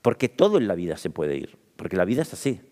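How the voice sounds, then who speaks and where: A man from Spain, a psychologist giving a lively, informal public talk with frequent questions to the audience. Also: sits low, fast talker. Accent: Spain Spanish. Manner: informal, chatty, addresses the audience directly with frequent tag questions. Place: municipal event hall. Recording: reverberant hall.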